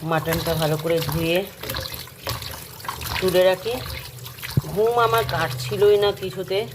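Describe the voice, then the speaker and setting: Soft-spoken woman vlogging at home. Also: lowish voice, fairly even intonation, slow pace. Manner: speaks softly at night so as not to wake family. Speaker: vlogger, mother of two daughters. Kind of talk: casual home vlog chat. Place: home, bedroom and kitchen. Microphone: handheld phone. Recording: echoey room with noise.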